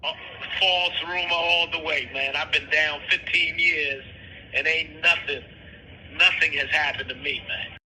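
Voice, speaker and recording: A man on a prison phone call, talking calmly and firmly in street slang. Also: a little high, unhurried. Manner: calm, firm denials, street slang. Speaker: inmate caller. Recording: phone call with faint noise.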